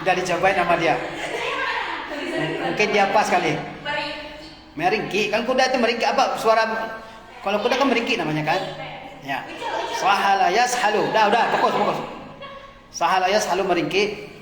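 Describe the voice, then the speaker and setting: A man's voice: high-pitched, moderate pace, long pauses. A man teaching an Arabic grammar class, explaining words patiently with light chuckles. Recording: echoey room with long reverb.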